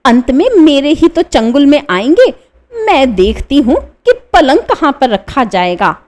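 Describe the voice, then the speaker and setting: Radio play: furious quarrelsome wife, a woman voicing her, high, shouting. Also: very animated, a little slow. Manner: shouting demands. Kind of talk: one-reader radio play.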